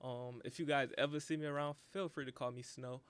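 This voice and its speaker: A college senior in his twenties from New Orleans, a man talking on a panel in a relaxed, slightly halting way. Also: medium pitch, clear, resonant tone. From New Orleans, Louisiana. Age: 20s. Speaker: student panelist. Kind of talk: casual panel talk.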